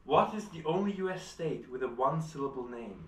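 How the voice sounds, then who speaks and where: A man's voice: fairly high pitch, expressive, fairly quick. A man acting as quizmaster in a casual game among friends, teasing the players and often laughing. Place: room shared with a group of players. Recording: echoey room, mic far off, noisy.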